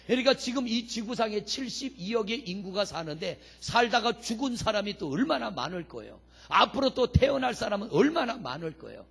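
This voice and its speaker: A man's voice: sits high, very animated, a little fast, vocal fry, hardly any pauses, fairly bright tone, husky. A man pastor preaching a sermon in a church. He asks the congregation questions, answers them himself, and reads scripture verses aloud. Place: church sanctuary.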